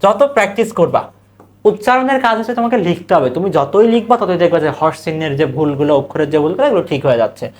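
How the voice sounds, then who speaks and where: An animated male teacher with a fairly high pitch and a Bangladeshi Bengali accent works on students' pronunciation in a recorded exam-prep lesson. He asks something, repeats the reply, and lingers over model words syllable by syllable.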